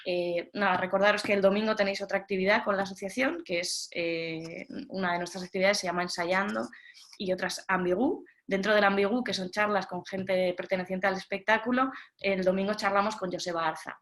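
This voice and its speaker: A woman's voice: medium pitch, fairly even intonation, a little fast, fairly bright tone. A woman with a Spain accent, hosting an online workshop with an informal spoken introduction. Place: video call.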